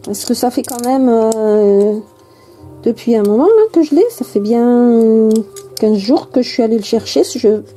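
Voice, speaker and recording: A woman's voice: on the high side, unhurried, dark tone, faint music behind, low-quality recording. A woman from France chatting casually and hesitantly while unboxing a card deck, with many fillers and restarts. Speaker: tarot and oracle card vlogger.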